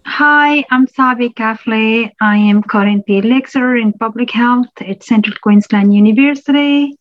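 A woman's voice: on the high side, moderate pace, no echo, soft background music. Woman from nepal telling her story, stops and restarts a lot, um's, muffled dry recording. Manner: reflective, with frequent restarts and "um"s. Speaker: public health lecturer, interview guest. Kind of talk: personal storytelling interview.

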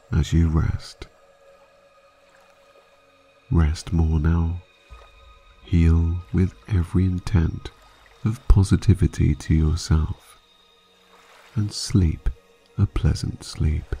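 A man narrating a guided sleep meditation like a sleep story narrator, calm, measured and hypnotic, with long pauses between phrases. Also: sits low, vocal fry, husky. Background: soft music.

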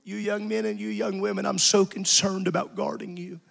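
A middle-aged man, a pastor, preaching an evening sermon, building to shouts with quick asides. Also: high voice, level tone, gravelly, long reverb tail. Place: church sanctuary.

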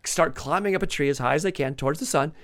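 A man's voice: fairly high pitch, fast, a bit bright. A man hosting a casual radio show, eagerly explaining science facts with frequent restarts and laughs. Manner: enthusiastic explainer with lots of restarts, laughs often. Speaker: radio show host answering listener questions about science.

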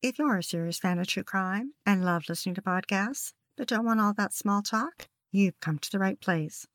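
A woman's voice: mid-range voice, normal speed, fairly bright tone, dry recording, studio quality. A woman hosting a podcast, reading scripted true crime narration in a matter-of-fact storytelling way. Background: background music.

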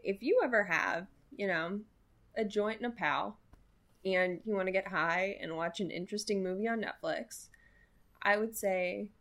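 A woman's voice: medium pitch, a bit bright. A young woman from Sacramento co-hosting a podcast, chatting in a playful, joking way. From Sacramento, California. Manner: playful, jokey storytelling. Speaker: podcast co-host. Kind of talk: casual chat.

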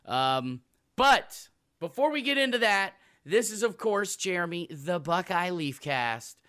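A man's voice: high-pitched, big pitch swings, measured pace, sharp tone, smooth, dry recording, studio quality. A man hosting a sports podcast in a casual, emphatic and jokey conversational way.

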